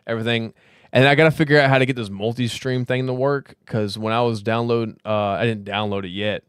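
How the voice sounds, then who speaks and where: A man's voice: fairly low pitch, clear, resonant tone, dry recording, studio quality. A man hosting a casual crypto livestream, slightly tipsy and slurring, rambling, swearing and laughing as he chats. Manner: loose, rambling, swears freely, laughs often.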